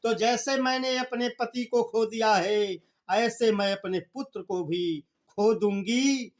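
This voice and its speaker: A male teacher giving a poetry lesson, reciting verse lines slowly and then explaining them in plain words, calling his listeners brother. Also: high-pitched. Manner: addresses listeners familiarly as brother.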